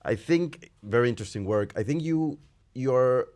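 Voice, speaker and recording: In a lecture room, a man in the audience asks a long, rambling question, thinking aloud with many asides. His mid-range voice is animated and a little mellow, at a normal speed.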